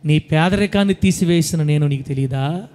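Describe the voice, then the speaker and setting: A male preacher voicing Jesus as a gentle man who reproaches his disciple with pleading questions. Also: fairly high pitch, normal speed, a little hiss or hum, voice pushed down, close to an everyday voice. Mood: reproachful.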